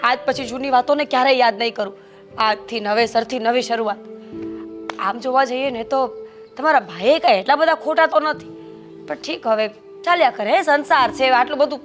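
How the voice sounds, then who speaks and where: An actress with a Gujarati accent playing a hot-tempered young wife who scolds and complains. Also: female voice, high-pitched, normal speed, faint music behind, lightly acted. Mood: lecturing. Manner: sharp, sulky and scolding. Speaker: young wife in a family drama. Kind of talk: Gujarati family drama acting.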